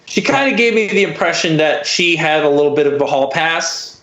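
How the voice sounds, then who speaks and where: A man in his thirties tells a personal story as a podcast guest, casual, wry, and self-deprecating. His voice is on the high side, a bit bright, animated, and a little fast, with the highs cut off in a roomy, echoey podcast recording.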